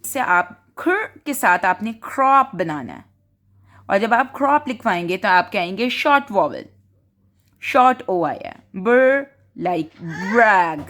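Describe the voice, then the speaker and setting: Slow-speaking woman explaining spelling rules. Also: medium pitch, big pitch swings, fairly bright tone. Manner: slow, explanatory, mixes English words into Hindi. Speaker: home-schooling teacher. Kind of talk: spelling lesson for parents.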